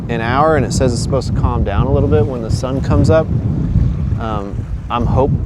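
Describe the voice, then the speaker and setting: A man talks casually to his viewers as a fishing vlog host, out on open water in the wind. His pitch is middling for a man. He speaks in an informal way, as if out on a windy clifftop, exposed to the weather. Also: moderate pace. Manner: informal, addresses viewers as guys. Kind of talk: casual talk to camera from a kayak. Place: outdoors on open water in a kayak, strong wind at times.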